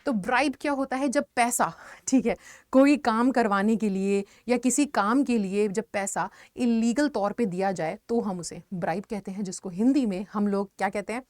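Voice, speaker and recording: A woman's voice: mid-range voice, moderate pace, darkish tone, dry recording. Indian woman teaching, dry close sound. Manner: explains patiently, repeats questions and answers for students. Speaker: English teacher. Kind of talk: online exam-prep lesson.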